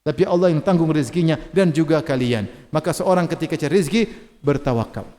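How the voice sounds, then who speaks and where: A high-pitched Indonesian man gives an animated sermon, joking with his listeners and reciting Arabic verses. His voice carries a long echo through a mosque hall. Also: fast. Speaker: preacher.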